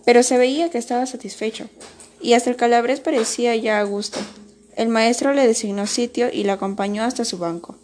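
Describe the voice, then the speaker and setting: A woman narrating an audiobook story in a steady, measured storytelling manner. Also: a little high, slight background noise.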